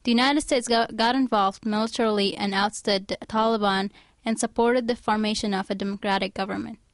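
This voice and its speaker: A woman giving clear, formal, scripted documentary narration. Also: medium pitch, steady tone, fairly quick, no echo.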